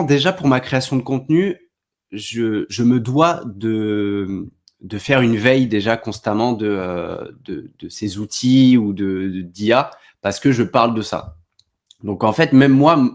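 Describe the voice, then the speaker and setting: Male trainer, fairly low voice, casual hesitant delivery with frequent fillers, addresses viewer directly. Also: darkish tone. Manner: hesitant, many fillers and restarts. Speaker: content creation trainer. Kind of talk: casual online tutorial.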